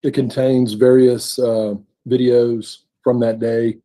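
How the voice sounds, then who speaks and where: A man's voice: medium pitch, flat delivery, slow, mellow. A man in his sixties answering questions as a sworn witness in short, formal replies, heard on a courtroom recording. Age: 60s. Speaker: trial witness.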